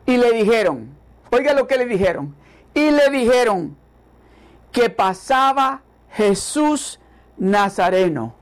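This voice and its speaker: High-pitched, unhurried fervent male preacher. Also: very animated. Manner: fervent, repetitive, calls listeners to repeat after him. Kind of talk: sermon.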